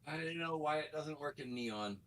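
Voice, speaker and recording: A man's voice: fairly high pitch, moderate pace, fairly bright tone. A man on a casual tech chat, muttering to himself while fiddling with settings, his voice muffled and distant as if heard through a wall from another room.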